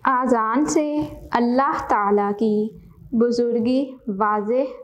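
A woman teacher giving a slow classroom lesson, repeating words for dictation and correcting herself mid-sentence. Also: fairly high pitch, low-quality recording.

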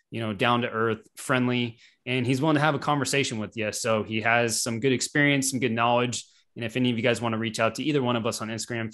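Chatty man, loose and rambling. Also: mid-range voice. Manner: relaxed, rambling, many fillers. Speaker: podcast co-host. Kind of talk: casual chat. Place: home computer setup.

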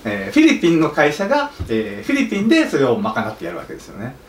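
Lively, fast-talking male director in a hall. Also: on the high side. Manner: animated storytelling, slipping into playful Kansai-dialect impressions. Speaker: film director. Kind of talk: talk event speech to an audience. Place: theater or event hall. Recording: roomy hall, distant mic, faint noise.

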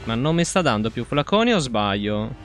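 A man streaming a horror game live, reacting loudly, swearing and reading the game's text aloud. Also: mid-range voice, very animated, moderate pace, faint music behind.

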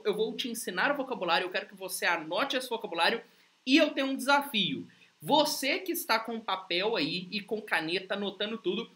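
Bright upbeat Brazilian woman teaching. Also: fairly high pitch. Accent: Brazilian Portuguese. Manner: upbeat, coaxing, repeats phrases slowly for drills. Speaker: English teacher. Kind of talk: live-streamed English lesson. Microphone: livestream setup.

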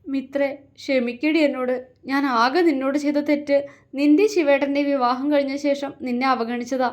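A woman's voice: sits high, steady tone, moderate pace, voice pushed up, close to an everyday voice. A woman voicing a hurt young woman who pleads with her friend through tears, emphatic and crying. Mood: crying, pleading.

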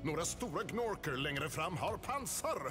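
A high, helpful dragon. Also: male voice, big pitch swings, bright, forceful tone, faint music behind. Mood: advising. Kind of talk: game character dialogue.

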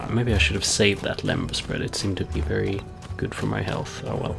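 A man's voice: lowish voice, steady tone, brisk, gravelly, over music. A man giving casual, wry game commentary, understated, as if muttering to himself. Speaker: let's-play commentator.

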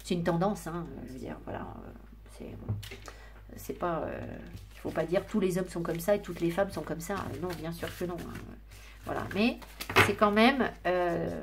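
A woman's voice: medium pitch, noisy background. A woman giving a tarot and oracle card reading, musing aloud in a chatty way with many fillers and restarts. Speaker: tarot reader. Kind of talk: casual spiritual card reading.

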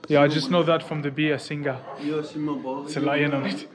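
A man's voice: a little high, level tone, normal speed, a loud crowd. A man in his thirties with a French accent, chatting enthusiastically as a travel vlogger while filming himself outdoors on an action camera. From France. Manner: enthusiastic, chatty, laughs often. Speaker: vlogger host. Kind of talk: casual travel vlog chat. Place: outdoor temple courtyard and streets. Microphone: action camera at arm's length.

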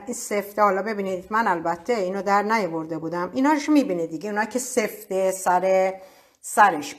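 A middle-aged woman hosting a live cooking stream from her home kitchen, chatting casually, rambling and searching for words, and laughing at herself. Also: fairly high pitch. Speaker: cooking livestream host.

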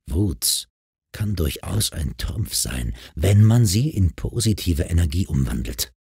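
Audiobook: narrator doing a patient, caring man, very deep, husky voice, dry sound. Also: slow, no room sound, exaggerated voice. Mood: earnest. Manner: calm, patient, persuasive. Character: calm, caring grown man who counsels a troubled girl.

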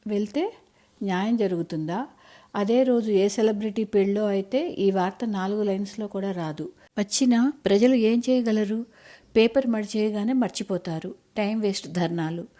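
A woman voicing an angry young college-age daughter with a sharp, accusing, scornful way of talking in an audiobook story. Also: medium pitch, normal speed, lightly acted.

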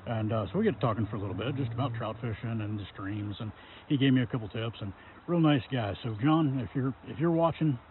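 A man's voice: medium pitch, quick pace. Guy in his 30s vlogging by a river, chill and polite, tinny phone-ish audio. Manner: easygoing, polite, chatty with a few fillers. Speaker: outdoor vlogger. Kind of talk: casual vlog talk. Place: outdoors by a river. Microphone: camera held at arm's length. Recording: tinny phone-like sound, faint outdoor noise.

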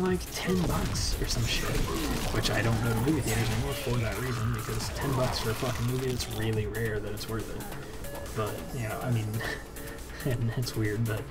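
A man's voice: medium pitch, brisk. A young man rambling drunkenly and profanely in a loose, repetitive casual rant while he streams a game. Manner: loose, circling, repeats himself. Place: indoor room, streaming at a computer. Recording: loud game music behind. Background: loud game music.

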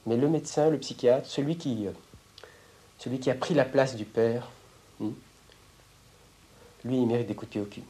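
A young man confronting his analyst in a heated argument, provocative, swinging between raised voice and hushed tones, caught on a portable tape recorder in an office. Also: mid-range voice, fairly even intonation, moderate pace, long pauses. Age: young adult. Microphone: hidden portable tape recorder.

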